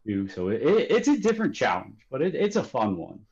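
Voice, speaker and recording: A man chatting casually as a podcast guest, telling his story in a relaxed, self-deprecating way with many fillers. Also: medium pitch, fairly quick, creaky. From Texas. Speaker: podcast guest, graphic designer. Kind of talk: casual chat. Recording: dull lo-fi sound.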